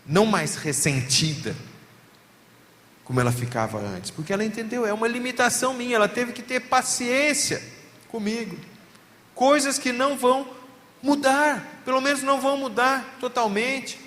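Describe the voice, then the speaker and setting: A man with a Brazilian Portuguese accent, a pastor preaching at a family seminar and telling stories with lively emphasis. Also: very high-pitched, moderate pace. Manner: animated storytelling, voice rising and falling for emphasis. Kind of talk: sermon. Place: church hall at a family seminar. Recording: reverberant hall, faint background noise.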